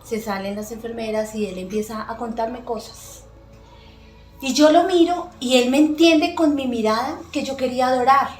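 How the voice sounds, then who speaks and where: A fairly high-voiced middle-aged woman tells a personal faith testimony as a podcast guest. She speaks earnestly and emotionally, with frequent pauses and soft fillers. The room is echoey, and faint music sits behind her.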